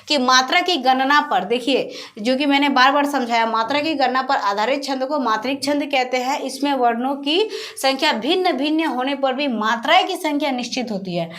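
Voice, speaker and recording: A woman with a high, light voice explains grammar rules step by step like a classroom teacher. She keeps repeating key terms and asking the listeners questions that she answers herself. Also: fairly bright tone. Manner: repetitive, asks and answers own questions. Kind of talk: classroom-style explanation over slides.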